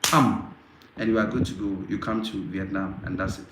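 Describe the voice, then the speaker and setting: Male host from Africa, casual live Q&A, halting and repetitive delivery, room echo with faint noise. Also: low-pitched, flat delivery. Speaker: host answering viewer questions.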